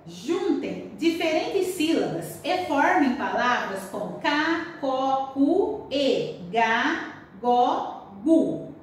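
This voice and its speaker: A woman teacher with a Brazilian Portuguese accent, giving slow, clearly spelled-out instructions in a recorded lesson for children. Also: a little high, slight background noise. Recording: roomy distant home recording.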